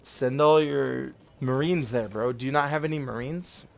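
A young man streaming a game, chatting casually in a drunken, rowdy party-animal way with a gravelly voice. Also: medium pitch, normal speed. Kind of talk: casual chat while gaming.

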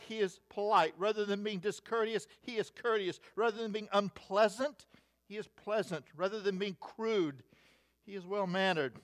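An older American man preaching a sermon at a church pulpit, measured and wry, reading lists with emphasis. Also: sits high, a bit bright. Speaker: pastor. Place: church sanctuary, at a wooden pulpit. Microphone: pulpit mic, far camera.

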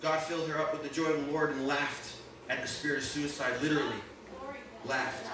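A man's voice: a little high, little pitch movement, brisk, crowd noise. A man, a guest minister, telling a personal testimony in a sermon and building up to emphatic preaching. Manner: storytelling, rising to emphatic preaching. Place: church sanctuary. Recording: echoey hall, distant mic, noisy.

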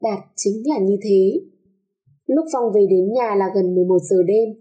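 A woman storyteller narrating a love story dramatically, slowing down for tender moments. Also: medium pitch, warm tone.

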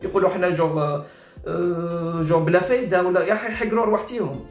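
Very fast-talking exasperated Algerian man. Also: sits high, fairly even intonation. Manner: exasperated, repetitive, mixes Arabic with French. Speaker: online commentator. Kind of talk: informal reaction commentary. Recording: roomy echo with faint music. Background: faint music.

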